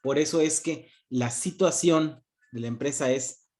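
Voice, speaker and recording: A man's voice: mid-range voice, unhurried, darkish tone. A man, a university economics teacher giving an online class, joking and answering his own questions. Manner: joking, asks questions and answers them himself.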